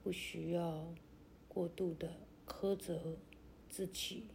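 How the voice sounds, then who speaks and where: A woman narrating a guided meditation like a sleep story, in a gentle, soothing, deliberate way with long pauses. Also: lowish voice, flat delivery, vocal fry, a little hiss or hum, poor audio.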